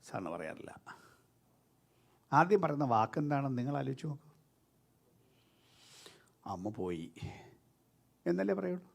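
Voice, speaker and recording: A middle-aged man, a pastor with a Malayali accent, preaching a sermon that swings between loud and soft and drops in English words. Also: mid-range voice, gravelly, breathy edge. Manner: lively preaching, rising and dropping sharply between loud and soft; mixes English words into his speech.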